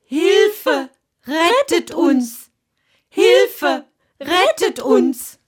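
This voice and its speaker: A woman playing a drowning maiden, a damsel in distress pleading for rescue with drawn-out cries in a repetitive stylized drama. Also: extremely high pitch, very animated, exaggerated voice. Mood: desperate pleading.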